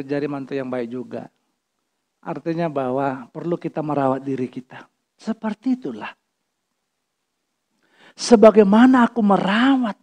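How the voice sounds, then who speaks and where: A male pastor preaching a sermon, switching between loud, emphatic points and soft, low-voiced asides, with joking personal stories.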